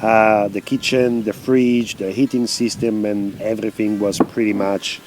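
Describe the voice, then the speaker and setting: A man with an Italian accent, from Italy, speaking halting, simple English with many fillers in a casual interview outdoors by a camper van. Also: lowish voice, little pitch movement, background noise. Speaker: interviewed traveler.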